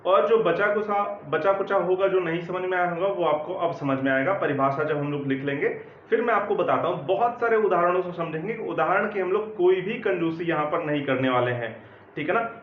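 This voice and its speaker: A man's voice: high voice, fairly quick, reverberant, phone-quality sound, a little hiss or hum. A man teaching grammar, explaining step by step and often checking that students follow. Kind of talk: classroom lecture.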